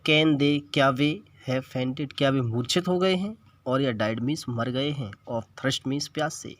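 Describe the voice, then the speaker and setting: A man speaks slowly in a mid-range voice, recorded without echo, as he teaches English. His lesson is bilingual; he reads English lines in an Indian accent and takes time to explain each word.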